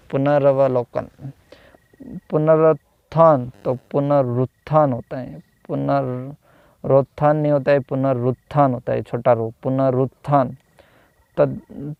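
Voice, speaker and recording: Slow, gravelly-voiced man teaching grammar. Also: mid-range voice, no echo. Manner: slow, repeats each corrected word with "तो ... होता है"; hesitant, with fillers and self-corrections. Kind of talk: reading out a Hindi grammar lesson. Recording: dull, slightly lo-fi dry recording.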